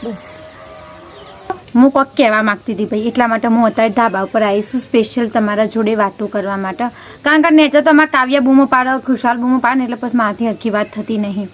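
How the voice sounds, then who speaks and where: A woman's voice: on the high side, quick pace, slight background noise. A woman chatting casually to the camera on a village rooftop as a family vlogger, talking into a handheld phone and filling her talk with friendly little filler words. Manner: chatty, keeps adding a friendly filler word.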